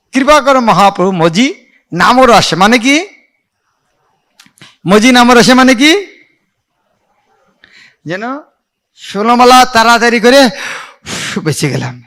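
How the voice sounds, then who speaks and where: Male monk teacher, high voice, lecture delivery that quizzes listeners and slows into chanted verses. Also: vocal fry, a bit bright. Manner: asks the audience questions, chants verses slowly. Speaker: monk giving a class. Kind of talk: devotional class lecture.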